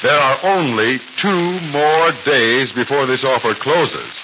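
A male radio announcer, heard on an old radio broadcast recording, eagerly pitching to children in 1940s style. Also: lively intonation, slow, lo-fi sound, background noise.

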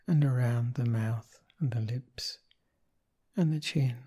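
A man leading a guided meditation in a soft, gentle voice, with unhurried short phrases and pauses between them. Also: mid-range voice, husky. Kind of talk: guided meditation, slow soothing instruction.

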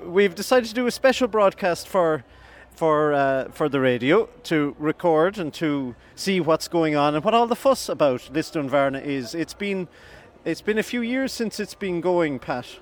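A man's voice: on the high side, animated, normal speed, hardly any pauses. A middle-aged man, hosting a casual community radio interview in a chatty, teasing way. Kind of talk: casual outdoor broadcast interview. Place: outdoors in a busy town square outside a hotel. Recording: outdoor field recording, loud music behind. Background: loud country music from pubs.

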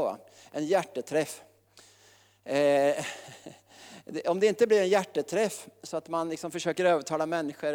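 A man preaching a lively, folksy sermon, often tagging his sentences with questions and acting out self-pity in a low murmur. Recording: long reverb of a hall.

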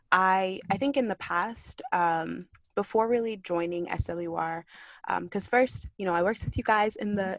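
A woman in her twenties, from Jamaica, answers questions as a podcast guest. Her voice sits a little low and the recording is dry and close. She talks loosely, with lots of ums and light laughter. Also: dry recording. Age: 20s. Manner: relaxed, laughs often, many fillers. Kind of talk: casual interview.

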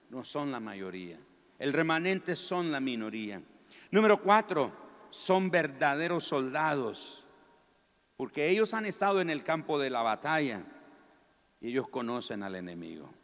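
A man preaching a sermon in a large church, stressing his points by repeating them in slow, drawn-out phrases. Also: a little high, very animated, a bit bright. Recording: long hall reverb.

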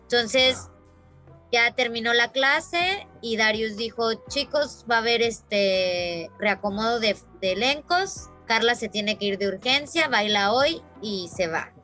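A Mexican woman guest telling stories in a casual chat, animated and full of fillers. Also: a little high, slow pace, faint music behind. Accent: Mexican Spanish. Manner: animated storyteller, many fillers.

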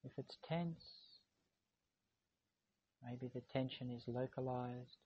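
A man speaking calm, slow, soothing instructions as he guides a meditation. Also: medium pitch, slightly rough, dull audio.

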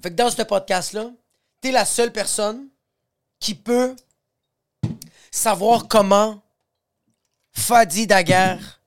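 A podcast co-host who banters in an excitable, teasing, slangy way. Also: mid-range voice, slow, long pauses, a little hiss or hum. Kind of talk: casual comedic banter.

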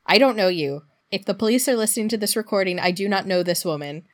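A woman with a gravelly voice, hoarse from throat trouble, co-hosting a podcast with casual banter. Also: mid-range voice, fast talker. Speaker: podcast co-host.

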